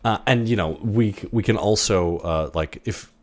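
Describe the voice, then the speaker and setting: A man instructor giving a casual screen-recorded software tutorial, thinking aloud with many fillers and restarts. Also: on the low side, normal speed.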